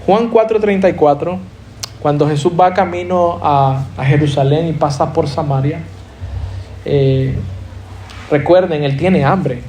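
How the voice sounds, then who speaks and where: High-voiced preacher in an echoey church. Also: male voice, unhurried, mellow, slight background noise. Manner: earnest preaching with rhetorical questions. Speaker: pastor. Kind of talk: sermon. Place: church hall.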